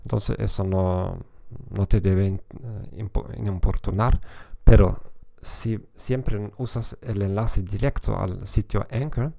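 A man hosts a language podcast in a relaxed, chatty way. His voice sits fairly low, with a gravelly, fried edge and a mellow, dark tone. He keeps checking in with little "¿no?" tags as he goes. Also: takes it slowly. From Germany. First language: German. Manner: chatty, frequent "¿no?" tags and restarts. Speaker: podcast host and language teacher. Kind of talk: casual solo podcast talk.

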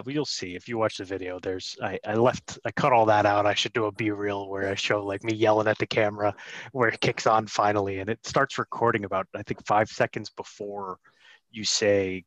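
A man's voice: on the low side, fairly bright tone, no room sound. A man hosting a podcast, chatting casually and rambling with lots of fillers. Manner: laid-back, rambling with many fillers. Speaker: podcast host.

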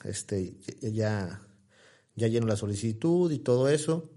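A man's voice: fairly low pitch, lively intonation, takes it slowly, dark tone. A man, chatting as an interview guest and telling rambling stories full of fillers and restarts. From Mexico, Tamaulipas. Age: 40s. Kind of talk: casual interview chat.

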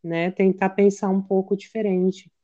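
A woman's voice: medium pitch, unhurried, highs cut off. Reflective woman, casual podcast chat. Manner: reflective, animated storytelling with quoted self-talk. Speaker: podcast co-host.

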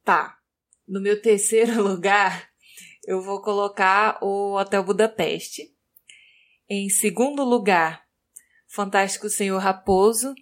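A woman with a Brazilian Portuguese accent co-hosting a podcast, chatting casually with many fillers and pauses. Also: mid-range voice. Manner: chatty, filler-heavy, hesitant. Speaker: podcast co-host, designer.

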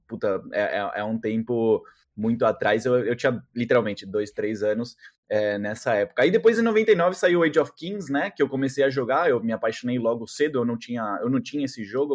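Argentine guy, spanish native, 30s, rambling casual chat with fillers and slang. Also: mid-range voice. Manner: chatty, lots of slang and repeated fillers. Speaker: interview guest, streamer.

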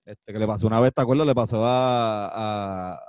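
A man's voice: on the low side, normal speed, darkish tone, smooth, no echo, highs cut off. A man in his twenties with a Puerto Rican accent, co-hosting a casual podcast and joking around with slang. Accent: Puerto Rican Spanish. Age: 20s. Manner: joking, slangy, imitates voices. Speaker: podcast co-host. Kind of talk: casual chat.

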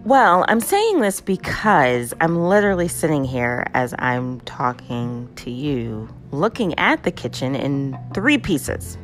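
A woman hosting a casual motivational talk, conversational and lively, often checking in with "right?". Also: a bass voice, slow pace, few pauses, faint music behind. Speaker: host.

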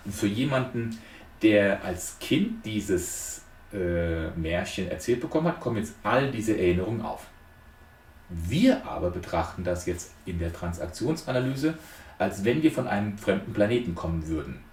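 A lecturer on transactional analysis gives an explanatory lecture retelling a fairy tale, emphatically laying out numbered points and asking rhetorical questions. His lowish voice is animated, slightly mellow and at a moderate pace. The echoey room and distant microphone add a little hiss or hum.

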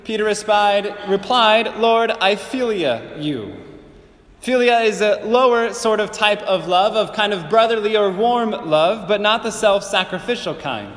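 A priest proclaiming the gospel and preaching a homily in a measured, earnest way, his voice carrying a cathedral echo. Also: sits high, fairly bright tone. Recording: echoey church with long reverb, faint hiss.

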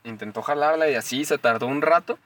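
Young mexican dude on a podcast, bright voice, swears a lot, sounds a bit back from the mic. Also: male voice, on the high side, brisk, recorded from a distance, a little hiss or hum. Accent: Mexican Spanish. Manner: slangy, animated, swears freely. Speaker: podcast co-host. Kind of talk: casual storytelling chat.

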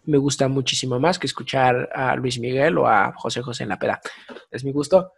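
A young man with a Mexican accent hosting a casual podcast chat, telling stories in slangy, animated talk. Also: mid-range voice, brisk, creaky, husky. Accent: Mexican Spanish. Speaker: podcast host.

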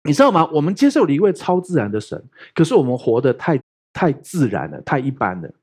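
Husky, animated male pastor preaching. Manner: animated, quick jumps in pitch, often asks the congregation "do you get me?". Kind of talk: lively sermon.

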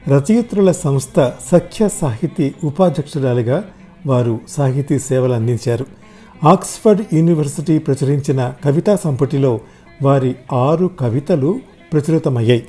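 Male storyteller, calm and measured, dark mellow tone over soft music. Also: mid-range voice, slightly rough. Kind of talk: reading a short story aloud.

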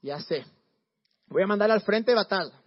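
A man's voice: sits high, lively intonation, normal speed, highs cut off. A man voicing a panicking, scheming young king, slangy and flustered. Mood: frustrated.

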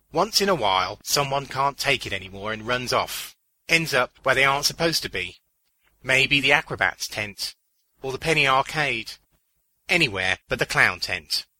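A man voicing a sardonic, resourceful male clown with a dry, deadpan delivery. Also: medium pitch, no echo, voice pushed up, heavily acted, rough recording.

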